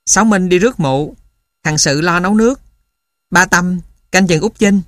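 Steady storyteller man. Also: high voice, normal speed, no room sound, clean studio sound. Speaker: narrator. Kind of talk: storytelling reading of a memoir.

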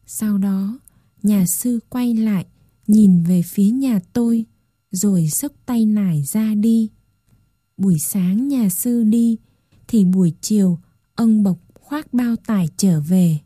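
A woman narrating a story in a calm, measured reading voice. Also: medium pitch, husky, dry recording, clean studio sound.

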